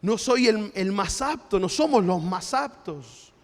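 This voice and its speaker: A male pastor with an Argentine accent preaches in an easy, conversational way and keeps checking in with his listeners. His voice sits high for a man. The sound carries a long reverb from a church hall. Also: lively intonation, measured pace. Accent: Argentine Spanish. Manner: conversational preaching with frequent tag questions. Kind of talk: sermon.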